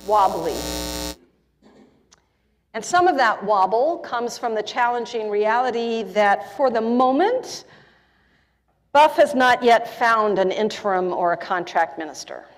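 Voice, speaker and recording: A woman's voice: on the high side, measured pace, a little hiss or hum. Woman minister in a reverberant church. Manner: warm, self-deprecating and conversational from the pulpit. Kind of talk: church service welcome address. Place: church sanctuary. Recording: long reverb of a church hall.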